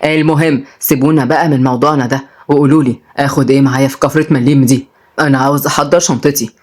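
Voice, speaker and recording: A woman voicing an annoyed young man, a student son who grumbles in a lowered voice. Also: fairly even intonation, rapid-fire, a little mellow.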